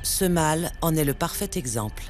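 A man reads scripted nature documentary narration in a measured, dramatic storytelling way. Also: on the high side, lively intonation. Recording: music bed under the narration. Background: background music, animal sounds.

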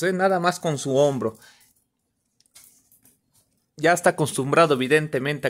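A man giving comedic reaction commentary on video clips, teasing and animated. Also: fairly high pitch. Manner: animated, mocking, bursts into shouts and laughter.

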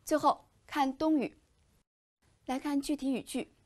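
A woman teacher walks students through a text in a recorded lesson. Her voice sits a little high, and she explains each point in a clear, measured and patient way. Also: fairly even intonation. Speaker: Chinese language teacher.

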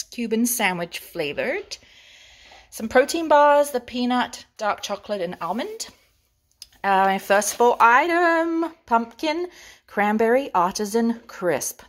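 English-accented woman, grocery haul vlogger, chatty and playful, savors every item. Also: on the high side. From England. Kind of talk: grocery haul show-and-tell.

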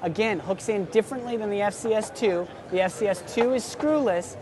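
A man's voice: high voice, crowd noise. Upbeat young man demoing at a trade show. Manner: enthusiastic, salesy, quick-talking. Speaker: surf shop host. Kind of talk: trade show product demo. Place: busy indoor expo hall booth.

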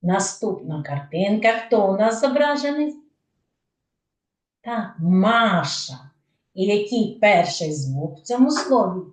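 Slow patient Ukrainian kindergarten teacher, echoey. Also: female voice, medium pitch, very animated. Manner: patient, asks questions then answers them herself. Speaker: preschool teacher. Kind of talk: slow didactic lesson for young children. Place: kindergarten room. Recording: echoey room, voice from a distance.

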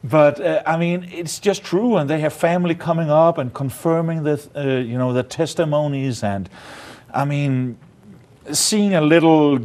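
Recorded on a lapel mic on an indoor studio set, a man from Denmark shares his testimony as an evangelist guest. His voice is a little high with a darkish tone, and his Danish-accented storytelling is halting, full of fillers and non-native grammar.

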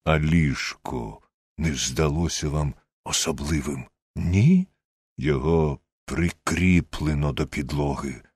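A man with a husky voice reading Sherlock Holmes as a shrewd, calm detective who explains his deductions in a measured, lecturing way. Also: very deep voice, dry recording, heavily acted. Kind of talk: audiobook character reading.

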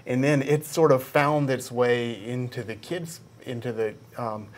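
Male interview guest, 40s. Medium pitch, informal, slightly hesitant storytelling on a studio lapel mic. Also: fairly even intonation, measured pace. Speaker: game creator, interview guest. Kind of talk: casual interview chat. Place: small indoor video studio. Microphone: clip-on lapel mic.

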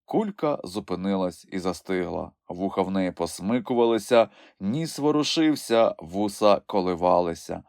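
A man narrating a children's audiobook in an expressive storytelling manner. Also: low voice, moderate pace, creaky, hardly any pauses, no echo, studio quality. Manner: expressive storytelling with lively swings. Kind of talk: scripted narration.

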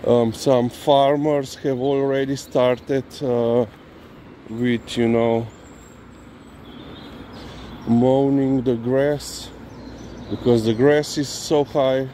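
Filmed on a phone held in hand as he walks, this vlogger gives slow, easygoing commentary while strolling his dog down nighttime city streets. His voice is mellow and medium-pitched with little pitch movement, and traffic hums faintly in the background.

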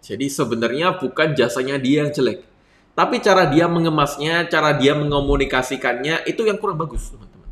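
A young man talks viewers through a lesson in a relaxed, conversational way and keeps checking in with them. His voice is bright and forward. The room around him has a noticeable echo. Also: mid-range voice. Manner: conversational teaching, addresses viewers as friends, many fillers. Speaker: copywriting instructor. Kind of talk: online lesson with slides.

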